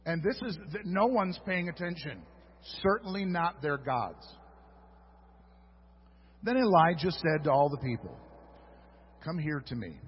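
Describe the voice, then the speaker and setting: A man's voice: fairly high pitch, expressive, measured pace, long pauses, breathy edge. A man preaching a sermon as a pastor, retelling a story with humorous asides to the congregation. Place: church sanctuary. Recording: dull audio with long hall reverb.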